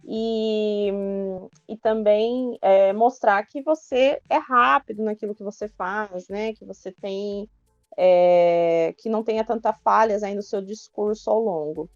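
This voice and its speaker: A woman's voice: mid-range voice, takes it slowly, no room sound, dull audio. Brazilian woman explaining with casual fillers. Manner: explanatory, many filler tags. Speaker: guest speaker on public speaking. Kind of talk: casual podcast advice.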